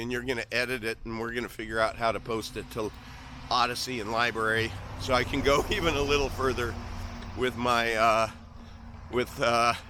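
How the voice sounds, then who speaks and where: A fifty-something man from the American Midwest rambles jokingly in a vlog recorded on an outdoor walk, often stopping mid-thought and beginning again. His voice is mid-range, pushed and bright, over slight background noise.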